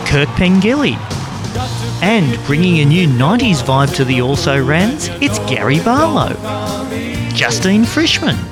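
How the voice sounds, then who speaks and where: A man reading a mock concert advert in upbeat announcer patter. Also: sits high.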